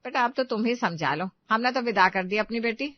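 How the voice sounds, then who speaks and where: A bossy middle-aged mother in a cartoon story, played by a woman, stern and quick to scold. The recording is dry and dull. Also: fairly high pitch, expressive, no room sound, lightly acted.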